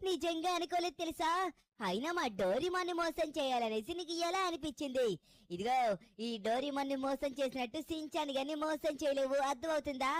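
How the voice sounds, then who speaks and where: A woman's voice: high voice, fairly quick, no echo, lightly acted. A woman doing a sassy scolding little girl. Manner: scolding, dramatic, indignant.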